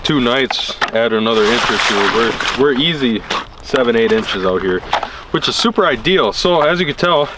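A man's voice: medium pitch, animated, normal speed. Chill young guy talking through the setup out on a frozen lake, noisy outdoor sound. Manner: laid-back, wry, explains setup. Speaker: vlog co-host. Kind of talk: casual vlog narration. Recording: clear outdoor noise behind.

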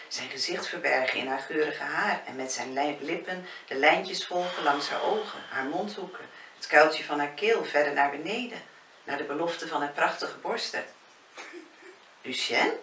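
A woman author reading her own novel aloud in a calm audiobook narration. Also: low voice. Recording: roomy, distant, faint hiss.

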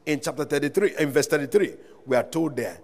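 A Nigerian pastor with a fairly high voice preaches at a quick pace, calling out to the congregation between scripture readings. His rising calls carry through a large church hall, captured live with long reverb.

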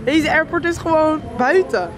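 A young woman chatting casually on a travel vlog, lively and slangy, filmed on a handheld camera outdoors and in a minivan. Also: sits high, normal speed. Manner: lively, slangy, laughs often. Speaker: travel vlogger.

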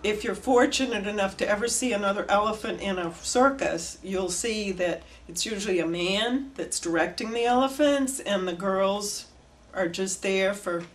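A woman's voice: mid-range voice, moderate pace. Older woman telling her story. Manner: animated storytelling, gestures with hands. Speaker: oral history interviewee. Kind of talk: reminiscing interview. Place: indoor room before flags.

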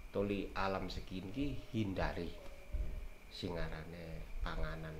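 With a low-pitched voice and a slow pace, an older man rambles through folk talk on herbal lore, emphatically rising and dropping in loudness. He's a storyteller elder seated on a sofa in a small, green-backdropped room, recorded with roomy echo and faint hiss.

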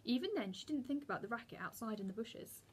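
A woman, a teacher, reading a children's book aloud with steady narration and small slips. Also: a little high, fast talker, a little hiss or hum.

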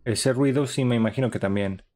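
A young man talks a little fast in a medium-pitched, darkish voice. He's live-streaming a horror game with chatty, upbeat running commentary.

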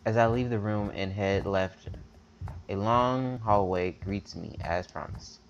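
An American gameplay commentator whose first language isn't English reads a game's text aloud in a casual let's-play, stumbling over words and dropping chatty asides. His low, creaky voice moves at a measured pace; the lo-fi recording has slight hiss or hum and faint game music behind.

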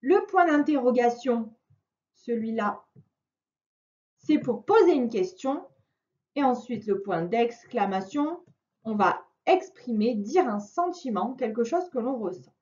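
A woman teacher speaks slowly and clearly, guiding a young child through a lesson with patience. Her voice sits fairly high and moves up and down with lively emphasis. The recording sounds dull and lo-fi. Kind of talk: recorded remote classroom lesson.

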